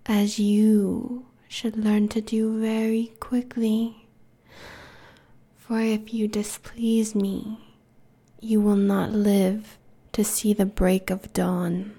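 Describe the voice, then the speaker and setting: A woman voicing a cruel, domineering immortal queen in a hushed, breathy whisper, slow and menacing. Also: medium pitch. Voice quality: breathy whisper with gravelly fry. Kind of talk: whispered audio roleplay.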